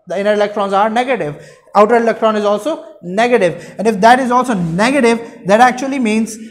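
A man's voice: high voice, fairly quick. Young man teaching. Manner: question-and-answer teaching with check-in tags. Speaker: chemistry teacher. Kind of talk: explanatory classroom lecture. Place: indoor room at a whiteboard.

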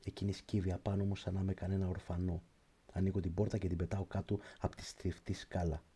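Guy reading an audiobook slow and thoughtful, low voice, kinda husky. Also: little pitch movement, mellow. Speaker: audiobook narrator. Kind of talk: literary prose reading.

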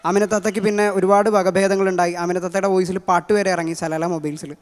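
A man with a Malayali accent introducing his impressions, talking fast with many fillers. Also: sits high, level tone. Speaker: mimicry artist. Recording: long hall reverb.

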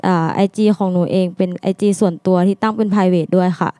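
A young woman university student answering a host on stage, speaking haltingly into a handheld mic. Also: on the low side, fairly even intonation, dark tone. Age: young adult. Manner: hesitant, halting. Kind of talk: answering on a talk show.

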